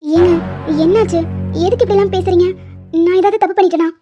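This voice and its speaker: A gentle young wife, voiced by a woman, pleads softly in an animated love drama. The voice is very high and mellow. The audio is muffled and lo-fi. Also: fast talker, faint music behind. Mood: worried. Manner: soft, pleading. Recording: dull lo-fi audio.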